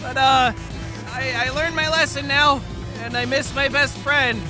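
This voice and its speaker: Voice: high voice, steady tone, a little slow, crowd noise. An actor voicing a brash, whiny, panicky boy hero in a melodramatic cartoon parody dub, over music. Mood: nervous pleading. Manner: melodramatic, stammering when nervous. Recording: music behind the voice.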